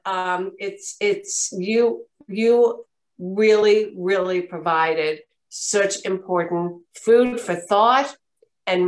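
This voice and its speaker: A woman's voice: on the low side, low-quality recording. A woman hosting a video-call webinar, closing it out with lavish, repeated thanks and praise for the presenters. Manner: effusive, repeats herself, warm praise. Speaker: event host thanking presenters. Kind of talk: casual webinar wrap-up.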